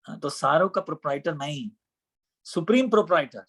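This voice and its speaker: A man's voice: on the high side, sing-song, fairly quick, fairly bright tone. A man giving a devotional scripture class in a conversational way, often asking rhetorical questions. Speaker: scripture teacher.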